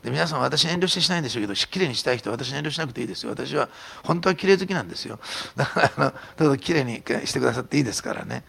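Gravelly, husky-voiced man preaching. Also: medium pitch, racing. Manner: animated storytelling, drops to a whisper at times. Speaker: pastor. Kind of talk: sermon.

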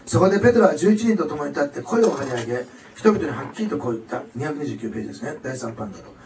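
Male pastor, rapid animated sermon delivery, roomy hall sound with faint ambience behind. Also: fairly high pitch, far from the mic, slight background noise. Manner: animated, rising to loud emphatic passages then dropping soft. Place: church hall. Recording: echoey hall, mic some way off.

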